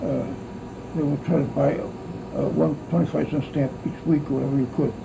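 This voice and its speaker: A very elderly American man with an aged, creaky voice recalls the past casually, in a halting, rambling old man's way, often tagging thoughts with "see". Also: fairly high pitch. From United States. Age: very elderly, about 90s or older. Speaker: grandfather recalling wartime childhood. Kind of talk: casual oral-history reminiscence. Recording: noisy, steady insect-like background hum.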